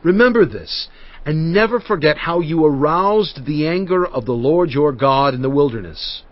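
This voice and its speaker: A man's voice: fairly high pitch, animated, normal speed, no room sound, lightly acted. An actor playing Moses, a solemn male prophet exhorting his people in emphatic oratory, in a dramatized scripture reading. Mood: stern, reproving. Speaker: dramatized audiobook reader. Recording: dull audio with faint music bed. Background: faint background music.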